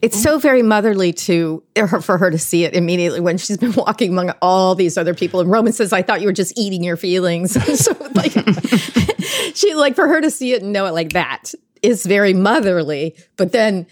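A woman's voice: medium pitch, animated, fairly quick, few pauses, no echo, clean studio sound. A woman podcast panelist chatting casually, chiming in agreeably with the others. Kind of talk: casual chat.

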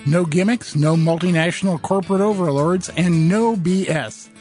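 High-voiced man reading a shop ad. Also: a little mellow, faint music behind. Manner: brisk sales pitch delivery. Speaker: ad announcer. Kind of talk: read advertisement.

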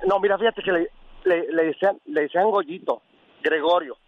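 A man's voice: sits high, normal speed, a little hiss or hum. A man from Aguascalientes calling in, rambling and hesitant with many fillers. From Aguascalientes, Mexico. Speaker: caller. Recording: dull lo-fi phone line.

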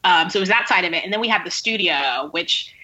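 Speaking fast and animated in a sharp, lowish voice, this woman appears as a novelist and screenwriter guest on a laid-back podcast. Her talk is loose and full of "like" and "sort of," and the sound quality is lo-fi.

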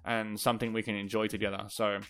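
A man hosting a sports podcast, giving solo basketball analysis in a conversational, thinking-aloud way with a slightly croaky voice. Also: on the low side, level tone, fast talker.

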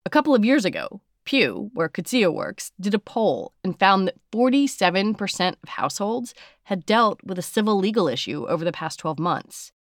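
A woman's voice: mid-range voice, big pitch swings, normal speed, dry recording. Woman podcast host in a dry studio. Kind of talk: scripted narration and interview questions.

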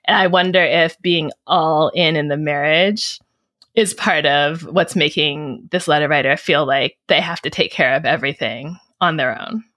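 A woman's voice: low voice, moderate pace, a bit bright, dry recording, clean studio sound. A woman hosting an advice show, talking through a reader's letter in a thoughtful, frank, casual way.

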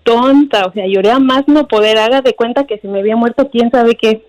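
A woman's voice: on the high side, brisk, rough recording. A woman calling in to a radio show and telling a self-mocking story in a chatty way. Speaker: caller.

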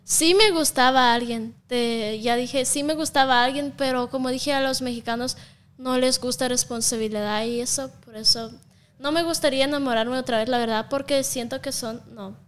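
A young Russian woman, a native speaker of Russian, chats frankly as a guest in a casual interview. Her voice sits high and moves at a moderate pace, with lots of fillers.

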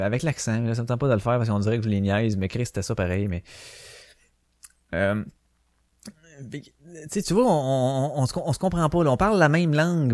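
On his casual solo podcast, a Québécois-accented man spins profane, ranting stories and acts out the quotes. His mid-range voice has a slightly mellow quality, recorded at studio quality with no echo.

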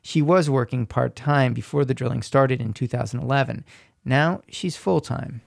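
Guy reporter reading a radio feature, gravelly voice, dry close mic. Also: mid-range voice, no room sound. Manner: measured, descriptive storytelling. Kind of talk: scripted radio feature narration.

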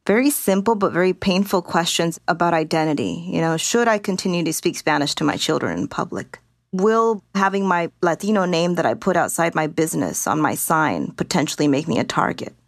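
A woman reporter with a low, gravelly voice speaks in a measured, earnest way. The sound is close and dry, with no room around her. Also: animated, no echo. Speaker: reporter guest. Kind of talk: news podcast conversation.

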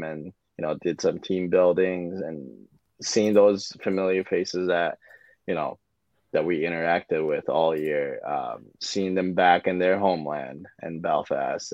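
A man's voice: deep voice, a little mellow, no echo. A young man in his twenties, a native Japanese speaker with a North American accent, answering interview questions hesitantly as a guest ice hockey player. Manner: hesitant, many fillers and restarts. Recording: dull lo-fi.

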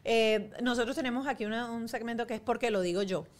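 A woman's voice: a little high, fast. A woman hosting a parenting interview show, asking thoughtful follow-up questions in a casual tone. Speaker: host.

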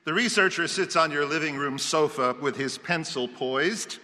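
Emphatic preacher, bright voice in a hall. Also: male voice, a little high, moderate pace. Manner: emphatic, rhetorical, builds in lists. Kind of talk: sermon with storytelling. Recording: long hall reverb.

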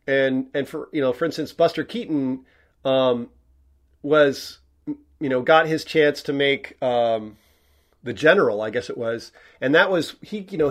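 A man hosting his own podcast, talking alone in a rambling, candid way, with many restarts and fillers. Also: a little high. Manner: candid and self-reflective, sometimes swearing. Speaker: podcast host and filmmaker. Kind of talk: rambling solo podcast monologue.

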